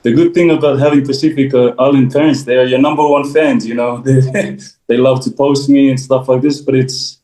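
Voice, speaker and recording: A young man from New Zealand, raised in Australia, talks through an interview from home in an easygoing way. His voice is mellow and dark, and he laughs often between sentences. The room gives his voice a noticeable echo. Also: medium pitch. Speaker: guest, volleyball player. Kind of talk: casual interview answers.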